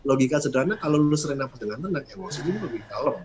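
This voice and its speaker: A man talks through calm and breathing like a patient coach in a casual podcast chat. His pitch swings widely as he explains, rising high on examples and dropping low and soft on the calm parts. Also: rapid-fire, dull audio, a crowd in the background.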